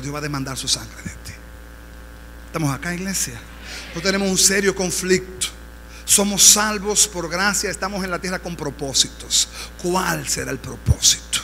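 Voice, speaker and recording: A man's voice: fairly high pitch, sharp tone. A man with a Dominican accent, a pastor preaching a fervent sermon with rising exhortations in a church. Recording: reverberant church hall, faint hum.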